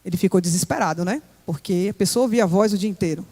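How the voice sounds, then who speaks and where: A woman's voice: mid-range voice, quick pace, a little mellow, slightly rough. A woman gives a personal testimony to a church congregation, telling her story with emotion. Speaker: church member giving testimony. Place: church hall. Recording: echoey church hall with long reverb.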